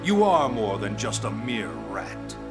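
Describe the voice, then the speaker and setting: Villainous commander, game drama: unhurried, condescending menace with swinging intonation, music loud behind. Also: male voice, lowish voice, sing-song. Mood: coldly amused. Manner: taunting, measured, condescending. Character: menacing male military commander, coldly amused interrogator. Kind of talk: dramatic game cutscene acting. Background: loud background music.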